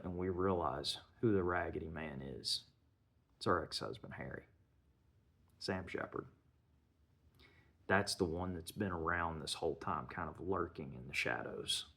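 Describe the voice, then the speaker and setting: Guy with a real low gravelly voice just talking thru a movie scene by scene. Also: fairly bright tone. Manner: retells scenes plot point by point, slipping in dialogue. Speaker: film reviewer. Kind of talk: casual spoken film review.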